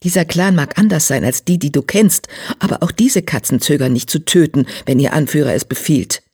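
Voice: mid-range voice, a little fast, a little mellow, breathy edge. A narrator voicing a wiry grey tomcat warrior who speaks firmly and earnestly. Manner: firm, earnest. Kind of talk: audiobook character voice.

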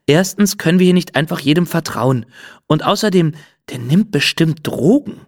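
Man voicing a nervous, grumbling little bug for a storybook, lively pitch. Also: normal speed, no room sound, clean studio sound. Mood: skeptical. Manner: suspicious, grumbling. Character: small wary male insect, grumpy skeptic.

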